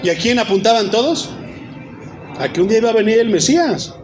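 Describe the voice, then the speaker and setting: A man preaches in a notably high voice. He keeps calling the congregation brother and reels off chapter and verse. Faint music plays underneath. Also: animated, brisk. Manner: addresses listeners as brother, cites many Bible verses. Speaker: pastor. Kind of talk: sermon.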